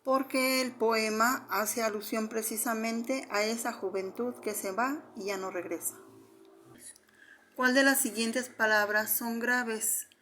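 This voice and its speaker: A woman's voice: on the high side, steady tone, slow, a bit bright, slight background noise. A woman teacher patiently going through quiz answers one by one, speaking to her students in a methodical way. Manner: patient, methodical, addresses the class. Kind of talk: explaining answers of a Spanish review quiz.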